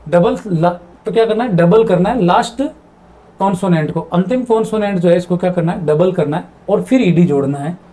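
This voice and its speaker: Male grammar teacher with a high, mellow voice who repeats terms and quizzes himself aloud. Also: a little fast. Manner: repeats words and asks himself questions; mixes English terms into his explanations. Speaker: English teacher. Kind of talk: explaining grammar in a video lesson.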